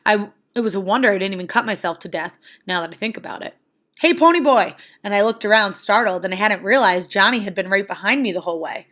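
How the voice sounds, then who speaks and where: A woman's voice: medium pitch, fast talker, hardly any pauses, sharp tone. Woman reading a novel aloud. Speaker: reader.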